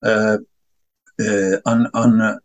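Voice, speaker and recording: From his home, a middle-aged discus coach from Iceland talks in a lowish, level voice at a slow pace. Answering interview questions earnestly in non-native English, he tends to repeat words while he organizes his thoughts.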